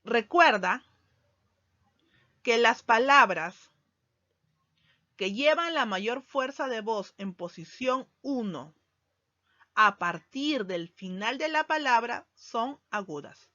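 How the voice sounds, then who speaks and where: Woman teacher, slow deliberate lesson delivery, lo-fi sound. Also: fairly high pitch, animated, bright, forceful tone, no room sound. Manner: slow, deliberate, stresses key words. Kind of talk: recorded grammar lesson. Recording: dull lo-fi sound, dry.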